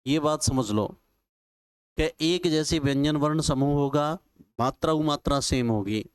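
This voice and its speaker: Slow-dictating teacher, clear voice. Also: male voice, fairly high pitch, no room sound. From Rajasthan, India. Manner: slow, repetitive dictation with folksy examples. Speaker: Sanskrit teacher. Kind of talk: classroom lecture, dictating notes.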